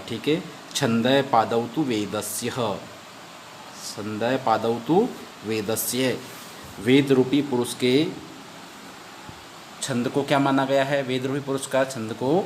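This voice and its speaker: A man teaching an exam-prep lesson. He recites verses slowly and repeats each point as a question he then answers. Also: mid-range voice, a bit bright, a little hiss or hum.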